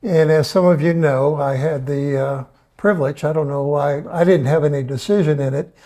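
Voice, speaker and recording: Man, seventies, relaxed and folksy, addresses a live audience with a warm, slightly high voice. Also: moderate pace. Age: 70s. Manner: folksy, hesitant, full of uh fillers, asks the audience questions. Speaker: presenter. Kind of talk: casual talk to an audience.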